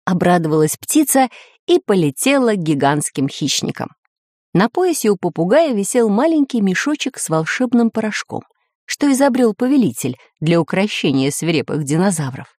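A woman narrating a children's storybook in an expressive, animated way. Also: mid-range voice, moderate pace, no echo, clean studio sound. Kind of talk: storybook reading.

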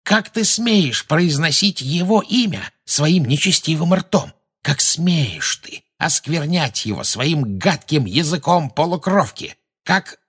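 A man's voice: unhurried, a bit bright, slightly rough, exaggerated voice. A man voicing a fanatical, cruel witch who hisses and shrieks in fury. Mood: shrieking fury. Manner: shrill, hissing, shrieks in fury.

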